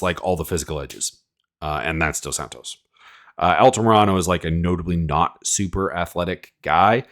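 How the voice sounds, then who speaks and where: His voice is deep and a bit bright. Fighting a cold and sniffling, the MMA analyst host rambles casually through his opinionated predictions for upcoming fights, using plenty of fillers.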